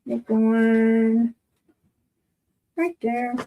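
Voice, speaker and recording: Woman craft host, slightly high voice, casual hands-on chatter for a home tutorial. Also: monotone, drawn-out words, phone-quality sound. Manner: chatty, talks to viewers while working hands-on.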